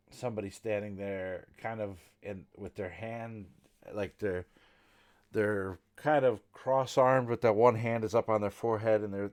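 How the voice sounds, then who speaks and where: A man acts as game master in a tabletop role-playing game. His low voice describes rooms and characters in a loose, rambling way, full of pauses. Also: smooth. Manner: relaxed, rambling description with fillers.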